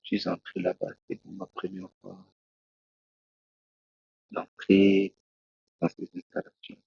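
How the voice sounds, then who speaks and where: Deep gravelly preacher telling his testimony. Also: completely flat delivery, no echo. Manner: slow, halting storytelling with many restarts. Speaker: preacher, guest. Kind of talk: testimony in a talk show interview. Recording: dull, lo-fi dry sound.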